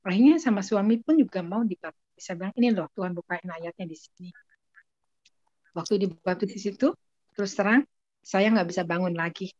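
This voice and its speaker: A woman giving a casual, lively spoken testimony as a guest, often laughing. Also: medium pitch, fairly quick, no room sound. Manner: lively storytelling with frequent laughs. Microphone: video call. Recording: muffled dry video-call audio.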